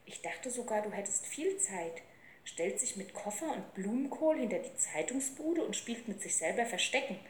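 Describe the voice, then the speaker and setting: A woman's voice: medium pitch, big pitch swings, normal speed, a little hiss or hum, lightly acted. A woman reading aloud, voicing a cheeky, slangy street boy. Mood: brash. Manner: brash, slangy, eager. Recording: roomy with faint ambience.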